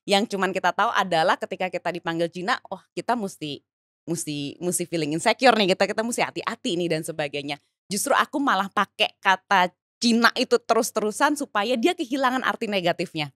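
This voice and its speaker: A woman from Indonesia talks as a guest on an interview podcast, with a middle-range voice. She is lively and laughs easily, slipping English phrases into her talk. The sound is dry and close. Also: medium pitch, brisk, no room sound. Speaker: podcast guest, writer and entrepreneur. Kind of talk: casual interview chat.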